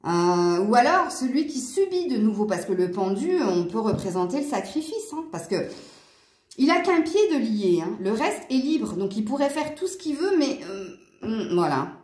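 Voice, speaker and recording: A woman's voice: on the high side, sing-song, normal speed, a little mellow, reverberant. Chatty woman with a southern French accent. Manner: chatty and rambling, with frequent fillers and asides. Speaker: tarot card reader. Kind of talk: casual tarot reading addressed to viewers.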